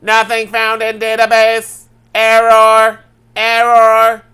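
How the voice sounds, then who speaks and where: A malfunctioning computer, as a man puts it on, barking clipped processing and error announcements in a stiff robotic way. The voice sits high and bright, with a lot of edge. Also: monotone, slow, clear, resonant tone, full character voice. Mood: robotic, glitching. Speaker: co-host. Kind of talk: joking banter on a talk show.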